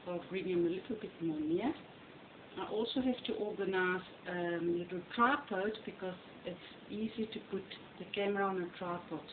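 Chatty Flemish-accented woman on a tinny phone. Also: on the low side. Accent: Flemish Belgian. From Belgium. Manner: chatty and rambling, fond of the word lovely. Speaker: reborn doll hobbyist. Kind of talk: casual home vlog. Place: bedroom at home. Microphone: phone camera on a stand. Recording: tinny noisy cell phone recording.

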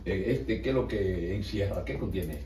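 Guy interviewing, low mellow voice, short questions, far from mic, echoey. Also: normal speed, slight background noise. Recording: roomy echo, distant from the mic.

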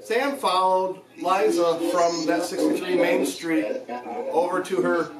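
A man in his forties talking casually and haltingly to a camera across a desk, as host of a spirit session. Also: sits high, fairly even intonation. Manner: halting, many pauses. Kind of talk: casual vlog talk, addressing spirits. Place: small home room with guitars. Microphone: camera a few feet away across a desk. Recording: echoey room, distant mic, loud background chatter.

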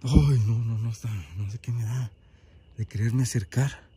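A man with a very husky, breathy voice, speaking at an ordinary pitch. He is outdoors, narrating a paranormal vlog and nervously repeating short exclamations. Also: steady tone, moderate pace, warm tone. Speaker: paranormal investigator.

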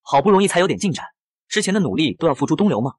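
Man reading a smooth rich young schemer, pleading, soft-spoken, comic story voice. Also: fairly high pitch, very animated, very fast, no echo, clean studio sound. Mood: tense. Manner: coaxing, pleading, softly persuasive.

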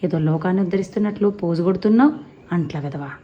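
Woman putting on a loud scolding old grandmother. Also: lowish voice, fast, highs cut off, lightly acted. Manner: nonstop scolding, loud and forceful. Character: sharp-tongued old village grandmother, scolding.

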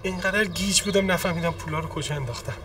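A man's voice: high-pitched, bright, forceful tone, far from the mic, a little hiss or hum. An actor playing an agitated man who pleads and bristles while claiming lost money. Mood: pleading.

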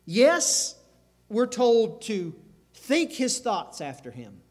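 A man's voice: sits high, wildly swooping pitch, slow. A man preaching a sermon as pastor, earnest and emphatic, circling back over phrases. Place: church sanctuary. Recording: reverberant church sanctuary.

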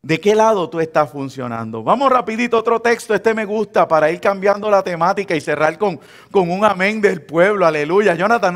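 A pastor from Puerto Rico, speaking with a Puerto Rican Spanish accent, preaches a sermon in a high-pitched, fairly bright voice. His style is conversational and teasing, and he acts out the believers he quotes while ribbing the congregation.

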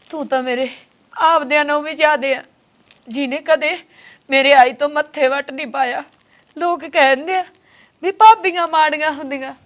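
Actress: tearful young married daughter, high-pitched, pleading, crying throughout. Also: female voice, close to an everyday voice. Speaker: daughter visiting her father.

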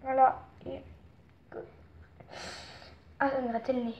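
A woman vlogger chatting casually and excitedly as she shows off her collection, rambling with fillers and gushing over each item. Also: high voice, slow pace. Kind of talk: casual show-and-tell chat. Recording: dull lo-fi sound with faint noise.

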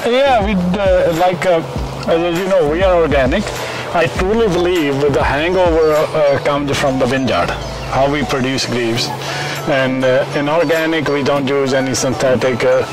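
A middle-aged man, a winery owner, answering interview questions outdoors in a vineyard, halting and full of fillers, with non-native grammar. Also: fairly high pitch, music in the background, poor audio. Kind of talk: casual interview.

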